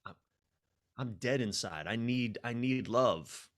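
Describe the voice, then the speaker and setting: This man talks slowly in a medium-pitched voice. A relationship coach from the United States, he's a podcast guest candidly narrating his own stories, self-deprecating throughout and acting out his inner conversation in the interview.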